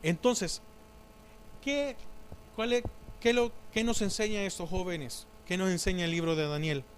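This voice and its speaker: A man preaching a sermon in church, halting, with frequent fillers and restarts. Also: sits high, a little hiss or hum, low-quality recording. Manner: slow, halting delivery with many fillers and restarts.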